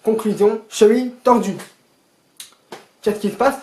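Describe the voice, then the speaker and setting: Garçon qui raconte, pièce qui résonne. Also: male voice, high-pitched, unhurried. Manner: rambling, animated, joking asides to viewers. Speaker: storyteller vlogger. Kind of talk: casual storytime vlog. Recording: echoey room.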